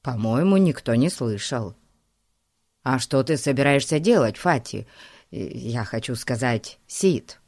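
A woman's voice: a bass voice, expressive, unhurried, darkish tone, dry recording, studio quality, pitched below the performer's own voice, full character voice. A woman voicing an eager, admiring boy in a storybook. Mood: apologetic. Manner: eager, apologetic.

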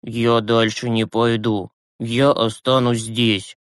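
A man reading an audiobook who voices a weary, grieving teenage boy, low and slow. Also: little pitch movement, smooth, dry recording, clean studio sound, natural voice. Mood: despairing. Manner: low, slow, exhausted, withdrawn.

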